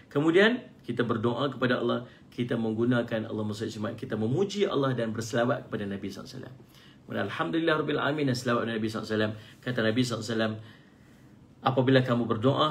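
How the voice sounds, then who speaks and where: A man with a Malaysian Malay accent giving an online religious lecture, playful and fond of mimicking loud pleading prayers. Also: gravelly. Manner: playful, mimics shouting pleaders in high cries. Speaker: religious teacher. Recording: faint background noise, live stream.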